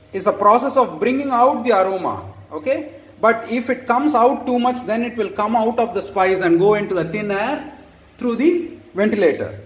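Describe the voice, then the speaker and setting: A man from India with an Indian English accent casually explains how he cooks at home, often checking in with "okay?" His voice is high and the room is echoey. He's chatty and corrects himself as he goes, tagging lines with "okay?" in this casual home-kitchen cooking tutorial.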